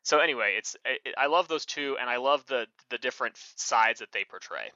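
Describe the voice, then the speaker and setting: A man's voice: mid-range voice, expressive, brisk, pushed and bright, no echo. A man co-hosting a podcast in casual chat, rambling with many fillers and self-corrections. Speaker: podcast co-host. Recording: muffled lo-fi mic.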